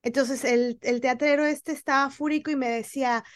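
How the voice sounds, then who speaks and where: A woman, a guest telling stories passionately and emphatically, often pausing with hesitations. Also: high voice, fairly even intonation, no echo, studio quality. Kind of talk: conversational storytelling.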